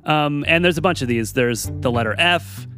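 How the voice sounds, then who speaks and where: A man hosting a podcast, explaining things in a lively, playful way. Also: on the high side, moderate pace, soft background music. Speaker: podcast host.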